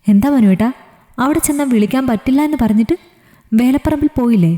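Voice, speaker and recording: A woman's voice: a little high, fast talker, mellow, close to an everyday voice. A woman storyteller voicing a strict young woman who scolds and teases her fiancé. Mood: scolding. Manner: scolding, teasing. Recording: reverberant echoey room.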